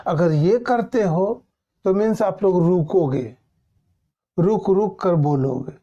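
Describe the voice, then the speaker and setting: A male English teacher in a doubt-clearing class, explaining patiently and repeating points, often checking that students follow. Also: high voice, dark tone, highs cut off.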